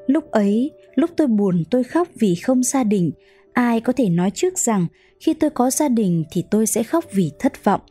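A woman reading a novel aloud as narrator, in a calm, measured storytelling manner. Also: a little high, husky, soft background music. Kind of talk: audiobook narration.

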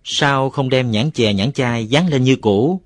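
Cheeky village boy, raised and loud, as a male narrator puts him on, dry close sound. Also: medium pitch, unhurried, dry recording, voice pushed up, natural voice. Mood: demanding.

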